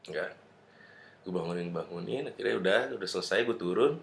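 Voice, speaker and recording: A man, chatting on a podcast and telling a story with lively acted-out voices. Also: sits low, a little fast, creaky. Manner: animated storytelling, acting out voices. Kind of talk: casual chat. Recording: echoey room.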